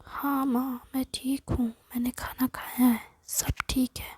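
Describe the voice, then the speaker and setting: A woman's voice: high voice, level tone, takes it slowly, darkish tone, slight background noise. A woman voicing a loving young adult son in a whispered role-play, in a soothing, reassuring manner.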